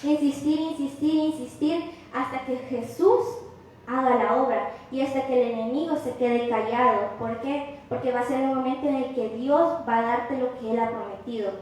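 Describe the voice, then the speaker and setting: A woman with a high voice delivers an earnest, impassioned sermon. Her voice rings through a very echoey church hall. A faint hiss of noise sits under it. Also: fairly even intonation, normal speed, few pauses. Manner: impassioned preaching, rising to loud cries when quoting. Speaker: preacher.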